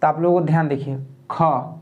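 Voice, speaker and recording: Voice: mid-range voice, measured pace, narrow, tinny audio. A teacher giving an exam-prep grammar lesson, who repeats and spells out word parts and keeps checking in with "okay?" while explaining plainly.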